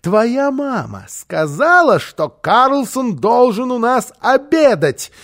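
A man voicing a stout, strict middle-aged housekeeper woman who shouts and scolds. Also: very high voice, big pitch swings, takes it slowly, pitched above the performer's own voice, exaggerated voice. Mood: stern.

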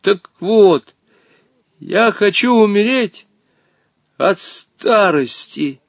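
Man playing plucky storybook boy, excited, high voice. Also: drawn-out words, gravelly, dry recording, clean studio sound, exaggerated voice. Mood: defiant. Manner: excited, breathless exclamations. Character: brave young boy, stubborn and bold.

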